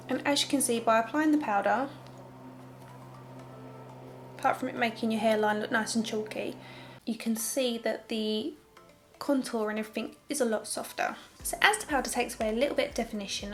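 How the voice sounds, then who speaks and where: A young woman talking through a makeup tutorial in a casual, candid way, with sarcastic asides. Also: on the high side.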